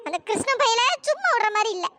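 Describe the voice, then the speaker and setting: Performer as an old cartoon grandma, fierce and loving, very high squeaky voice, bright. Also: big pitch swings, fast, full character voice. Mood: tender coaxing. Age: older. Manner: scolding, shouting. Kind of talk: cartoon story voice acting.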